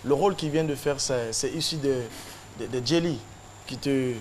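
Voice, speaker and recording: A man, a guest on a TV show, speaking casually and haltingly, repeating his words. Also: medium pitch, a little hiss or hum. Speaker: guest artist. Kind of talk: casual TV interview talk.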